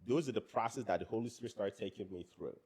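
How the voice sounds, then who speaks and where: Reflective African-accented man, lowish voice. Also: fast, darkish tone, slightly rough. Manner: reflective, repeats words when starting a thought. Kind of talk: casual roundtable chat.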